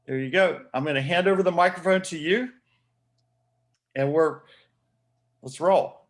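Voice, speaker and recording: A man's voice: a little high, measured pace, slight background noise. A man moderating a virtual conference, politely introducing speakers over a video call with slight restarts. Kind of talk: formal introductions.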